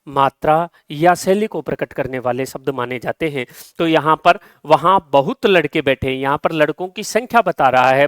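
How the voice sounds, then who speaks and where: High, clear-voiced man teaching a lesson. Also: a bit bright, dry recording, studio quality. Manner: explains step by step, reads example sentences slowly. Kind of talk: live exam paper solution lesson.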